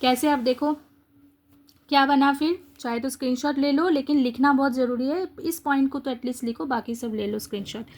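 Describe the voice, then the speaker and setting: A woman's voice: sits high, brisk. A young woman teaching an exam-prep English lesson, asking her students rhetorical questions and explaining the answers step by step. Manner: lively, rhetorical questions, mixes Hindi and English.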